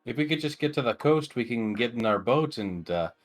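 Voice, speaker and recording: A woman's voice: extremely low pitch, lively intonation, brisk, soft background music. A woman playing a tabletop fantasy game, chatting casually and swearing freely with the group.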